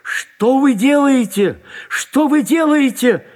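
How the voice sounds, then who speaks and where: An anxious older civilian pleads, his voice climbing high and loud into anguished cries. A man reading the story aloud acts him out. His pitch swings widely. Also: sing-song, brisk, husky, long reverb tail.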